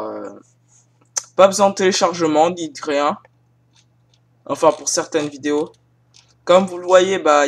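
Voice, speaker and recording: A young French-speaking man casually walking viewers through film sites, hesitant, full of fillers and self-mocking asides, filmed one-handed on a phone. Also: fairly high pitch. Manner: hesitant, many fillers and restarts. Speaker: YouTuber showing film sites. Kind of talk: casual screen-recording tutorial. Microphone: filming with a phone held in one hand.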